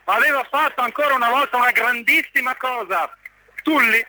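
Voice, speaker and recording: High, bright man calling goals excitedly. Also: no room sound, rough recording. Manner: excited, urgent shouts on goals, drawn-out repeats. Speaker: football radio commentator. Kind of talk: live goal commentary.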